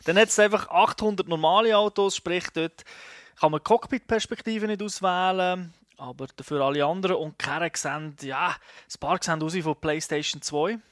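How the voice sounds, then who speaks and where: Swiss man hosting, fairly high voice. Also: moderate pace, fairly bright tone, no echo, studio quality. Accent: Swiss German. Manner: leads the talk, asks questions. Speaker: podcast host. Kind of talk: casual podcast chat.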